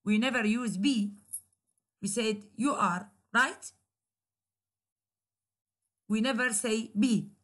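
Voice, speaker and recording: A woman with an Iraqi Arabic accent, a native Arabic speaker, giving a slow grammar lecture in English and repeating key phrases and examples. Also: fairly high pitch, fairly bright tone. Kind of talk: recorded university lecture.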